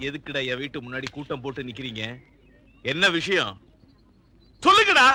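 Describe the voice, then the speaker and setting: An actor playing a blustering rich landowner who gloats and shouts threats. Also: male voice, medium pitch, a little fast, noisy background, lightly acted.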